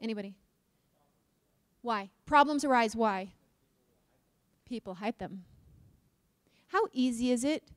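A woman's voice: a little high, takes it slowly, pauses often, no room sound, studio quality. A woman from Utah giving a conference talk, asking the audience questions and joking. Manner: lively, questions the audience, jokes. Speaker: conference speaker.

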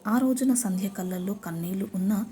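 A woman reading a scripted story aloud with steady, expressive delivery. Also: medium pitch, a little fast, slight background noise.

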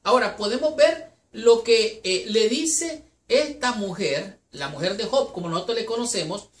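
A woman with a slightly high voice teaches a Sabbath school Bible lesson. She speaks in an earnest, unhurried way and reads scripture aloud between her explanations. Her voice rings in a roomy, echoey space. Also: lively intonation. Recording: echoey room.

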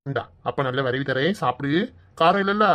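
A woman voicing a caring village father in an animated cartoon, soothing and fatherly. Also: a bass voice, brisk. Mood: tender. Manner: soothing, fatherly advice and comic storytelling. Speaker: father figure. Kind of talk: Tamil cartoon voice acting.

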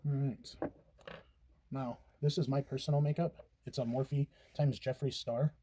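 Mellow-voiced young man, teasing chat. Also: medium pitch, fairly even intonation, measured pace, slight background noise. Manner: playful, teasing, narrating his steps. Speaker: boyfriend doing makeup on camera. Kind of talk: casual chat while doing makeup.

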